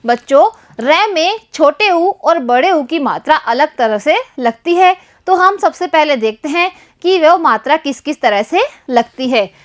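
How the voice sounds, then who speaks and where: A woman explains a Hindi lesson to young pupils with a high, bright voice. She talks slowly and patiently and often turns to the children directly. She stresses her sounds carefully, the way a primary teacher does. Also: expressive. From Rajasthan, India. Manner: addresses pupils repeatedly, stresses syllables slowly and deliberately.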